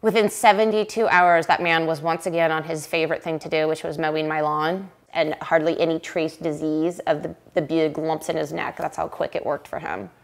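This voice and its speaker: A woman telling a personal story in an animated, casual way, full of fillers. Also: deep voice, a little fast, gravelly, hardly any pauses. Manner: animated, acts out quotes, casual fillers like "like" and "right?". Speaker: interviewee telling her story.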